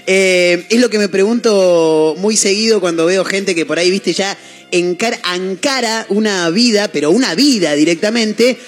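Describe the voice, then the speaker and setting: High-voiced Rioplatense radio host. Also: male voice, moderate pace. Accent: Rioplatense Spanish. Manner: easygoing, chatty, addresses listeners. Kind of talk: casual radio chat.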